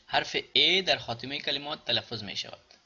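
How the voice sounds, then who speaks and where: A man with an Afghan Dari accent, teaching German pronunciation and repeating example words slowly before explaining them. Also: mid-range voice, lively intonation, bright, forceful tone, slightly rough, muffled recording. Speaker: language teacher. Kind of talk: pronunciation lesson.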